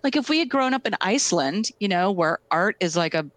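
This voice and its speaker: A woman's voice: medium pitch, lively intonation, a little fast, fairly bright tone, no room sound. A woman musician chatting casually about being an artist, in an earnest, encouraging way. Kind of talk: casual conversation.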